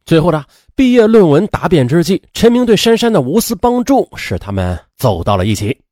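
Animated male true-crime storyteller, close dry sound. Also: on the high side, brisk, dry recording. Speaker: narrator of a true crime audio program. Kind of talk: lively spoken storytelling narration with conversational asides.

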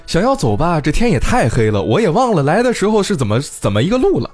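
A man's voice: on the high side, wildly swooping pitch, fast talker, a little mellow, faint music behind. A man hosting a casual storytelling podcast, retelling a tale in a chatty way and speaking directly to listeners. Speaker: podcast host.

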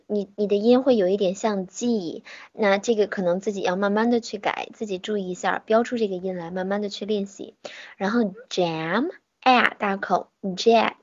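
A woman teaching English pronunciation in an online lesson, patiently modelling sounds slowly and repeating them. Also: mid-range voice, dry recording, muffled recording.

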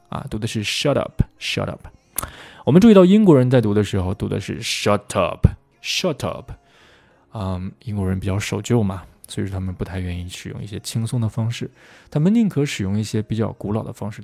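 A man hosting a podcast who explains English pronunciation in a relaxed, chatty, rambling way. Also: lowish voice, gravelly, no room sound. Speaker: English teacher, podcast host.

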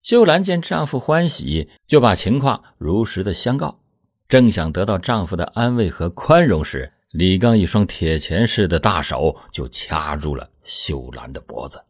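Husky low-voiced male storyteller. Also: expressive, moderate pace. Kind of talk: dramatic true-crime storytelling.

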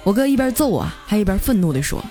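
A woman, hosting and telling a comic story in a lively, chatty way. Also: mid-range voice. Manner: lively, chatty, drawn-out particles. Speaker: radio story host. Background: faint music.

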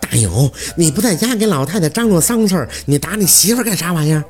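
A man's voice: a little high, lively intonation, fast talker, a little mellow, voice pushed up, close to an everyday voice. A man voicing an elderly village woman who chides and admonishes. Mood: scolding. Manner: chiding, admonishing.

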